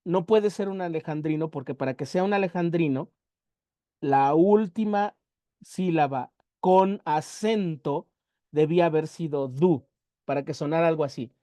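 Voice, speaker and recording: Mellow poetry teacher, dry sound. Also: medium pitch, no room sound. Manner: methodical, spells out syllables slowly with emphasis. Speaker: literature workshop teacher. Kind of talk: explanatory lecture.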